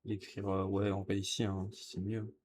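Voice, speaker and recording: A man's voice: sits low, monotone, background noise. A man who is a beginner, showing how he writes Chinese characters in a casual tutorial, hesitant and correcting himself as he goes. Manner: hesitant, self-correcting, repeats words slowly. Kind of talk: casual tutorial while writing. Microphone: camera filming his writing.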